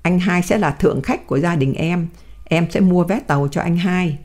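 Woman reading as a warm, affectionate woman prisoner. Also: fairly low pitch, normal speed, natural voice. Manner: affectionate, indignant. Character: warm middle-aged southern woman prisoner.

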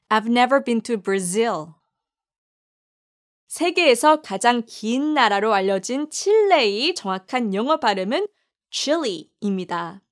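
A woman teaching English pronunciation in a lesson, speaking deliberately and repeating each word for listeners to practice. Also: medium pitch.

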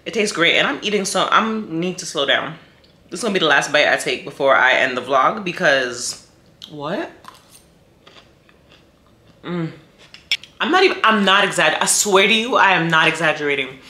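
A woman's voice: deep voice, animated, normal speed, long pauses, pushed and bright, echoey room. A young woman chatting casually on her food vlog, tasting a dish and talking to viewers while she eats. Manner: chatty, tastes and reacts while eating. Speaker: vlogger.

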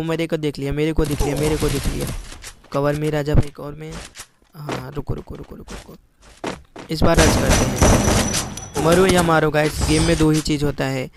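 A man commentating his shooter game to viewers, excitable and repeating his words. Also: on the high side. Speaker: gaming YouTuber. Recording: loud background noise.

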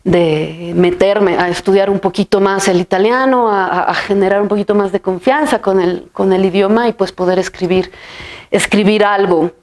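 With a steady, mid-range and darkish voice at a moderate pace, a woman in her thirties from Bolivia, a filmmaker and writer, gives thoughtful interview answers. She frequently restarts, leans on fillers and tags phrases with a questioning "¿no?". She sits in an armchair in a bright room against a plain wall.

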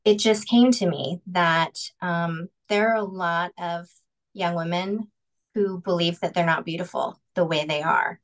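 A woman's voice: fairly low pitch, fairly even intonation, unhurried, rough recording. A woman in her forties, a pageant director, talking earnestly and reflectively on a video call, with many ums. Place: home room indoors.

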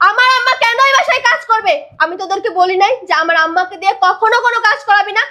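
Young woman doing a bossy protective wife, very high bright voice, fast angry scolding. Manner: scolding, forceful, insistent. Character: young wife of an expat worker, fiercely protective and commanding. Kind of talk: amateur drama acting.

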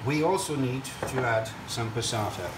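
Recorded off-mic in a reverberant kitchen, a man with a medium-pitched voice walks viewers through a recipe at an ordinary pace. His delivery is talkative and digressive, explaining each step like a relaxed cooking show host standing at the stove. Behind him there's background noise, including the sizzle of frying and the sound of stirring.

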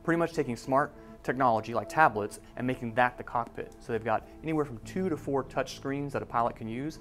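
A man in his forties reporting a news feature, explaining technology in a brisk, conversational way. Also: medium pitch, fairly bright tone, soft background music. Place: office room.

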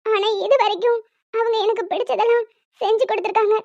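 A woman voicing a very high-pitched young wife. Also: fairly even intonation, fast, darkish tone, no room sound. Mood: tearful. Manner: emotional, pleading. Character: young wife, emotional and pleading. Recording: dull lo-fi dry sound.

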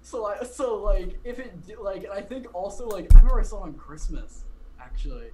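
Talking over a video call from his bedroom, a roughly twenty-year-old podcast guest rambles casually, heavy on fillers and prone to interrupting himself. He sounds high-pitched and expressive, speaks fairly quickly, and the background is noisy.

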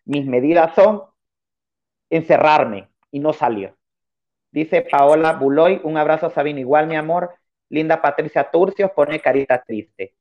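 Host guy reading out comments, kinda high voice, dull lo-fi sound. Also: a little slow. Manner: reads comments in a steady run. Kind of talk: reading viewer comments aloud.

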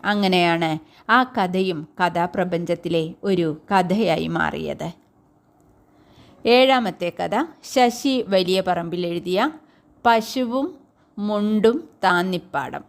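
Calm woman reading short stories aloud. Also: fairly low pitch. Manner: calm, measured, clear reading. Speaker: story reader. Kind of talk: storybook narration of short stories.

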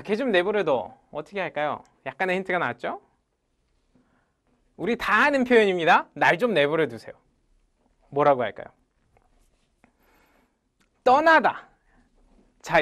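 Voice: mid-range voice, a little slow, long pauses. A teacher leading an English lesson in front of a class, calling out phrases for the room to repeat and praising their answers. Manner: energetic, calls out drills and repeats phrases loudly. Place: lecture room with a live audience.

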